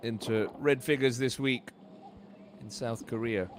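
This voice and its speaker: A man working as a golf commentator, giving measured live play-by-play with short observations on each shot. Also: medium pitch, fairly even intonation. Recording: loud ambient noise throughout.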